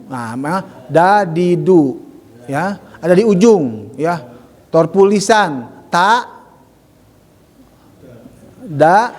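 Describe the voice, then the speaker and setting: Guy teaching quran reading, slow and drawn out, high voice, echoey hall. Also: a little mellow. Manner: corrects pronunciation by modeling sounds slowly. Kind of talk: casual tajwid lesson. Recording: reverberant hall.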